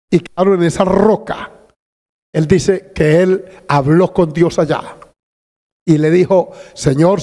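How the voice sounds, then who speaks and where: A man's voice: a little high, creaky, dark tone. An older man preaching a fervent sermon as a pastor, breaking often into praise and hallelujahs. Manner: fervent, exclamatory, interjects hallelujahs. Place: church sanctuary. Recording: long reverb of a church hall.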